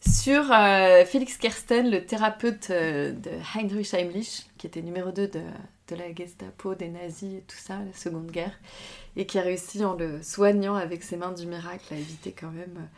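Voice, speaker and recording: A woman's voice: on the low side, moderate pace. A woman co-hosting a casual book podcast, enthusiastic and laughing often. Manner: warm, laughing, enthusiastic recommender. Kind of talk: casual chat.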